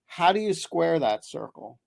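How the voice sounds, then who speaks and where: A man hosting an interview, softly laying out a probing question to his guest. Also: on the high side, sing-song, unhurried, gravelly. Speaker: podcast host, interviewer.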